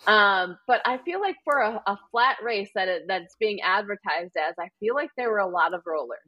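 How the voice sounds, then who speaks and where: A woman's voice: medium pitch, animated, moderate pace, no room sound, lo-fi sound. A woman with a Wisconsin accent, a marathon runner chatting casually as a podcast guest, full of ums and likes. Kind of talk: casual interview chat.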